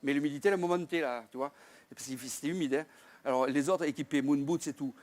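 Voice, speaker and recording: A man's voice: fairly high pitch, fast, a little mellow. A male comedian telling a rambling comic story on a small theater stage, chatty, with frequent asides and crude exclamations. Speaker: stand-up comedian.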